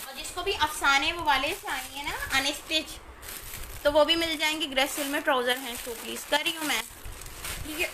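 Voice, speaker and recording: A woman, chatting informally as she sells clothes on a live stream and often checking in with her listeners, over clear background noise. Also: high voice, moderate pace, sharp tone. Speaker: live online clothing seller. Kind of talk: casual live shopping sales chat.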